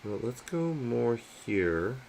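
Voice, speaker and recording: A man's voice: mid-range voice, very animated, slow, vocal fry, darkish tone, slight background noise. A man streaming his 3D sculpting work, muttering half-finished thoughts aloud as he works and answers chat.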